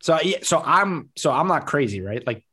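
A man's voice: on the high side, very animated, moderate pace, sharp tone, breathy edge. A man co-hosting a basketball podcast in casual chat, rambling and second-guessing himself and laughing easily as he talks. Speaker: podcast co-host.

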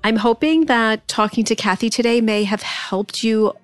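A woman's voice: fairly high pitch, normal speed, no echo, soft background music. A woman speaking as a podcast host in a conversational interviewing style.

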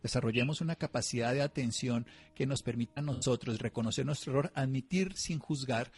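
A man hosting a radio talk, listing points calmly and in a measured way. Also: mid-range voice, breathy edge. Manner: calm, measured, lists points in a steady sequence.

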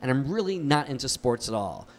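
A man's voice: medium pitch, sing-song, a little fast, a little hiss or hum. A man in his fifties telling a long personal story in casual podcast chat, rambling with restarts and acting out what people said. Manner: rambling storyteller, many restarts, acts out quotes. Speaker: podcast guest.

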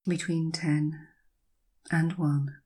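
A deep-voiced woman conducts a hypnosis session, keeping her intonation fairly even. Her speech is soft and breathy, moving in slow, drawn-out, soothing phrases with long pauses.

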